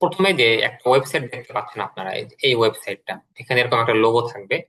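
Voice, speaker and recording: Man, online English lesson, patient and slow with repetitions, bright clear voice, mid pitch. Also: lively intonation, poor audio. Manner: patient, repeats words slowly for learners. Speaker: English teacher.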